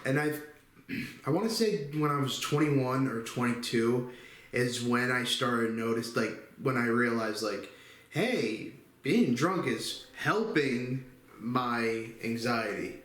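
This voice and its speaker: A man in his twenties talking candidly in a personal vlog, halting often with fillers. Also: mid-range voice, fairly bright tone. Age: 20s. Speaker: channel host. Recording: echoey room.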